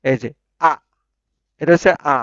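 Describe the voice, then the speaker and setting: A man teaching an online pronunciation class, sounding out words slowly and having students repeat them. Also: on the high side, fairly bright tone, no room sound. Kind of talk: online spoken English class. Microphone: online video call. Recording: dull lo-fi online call audio.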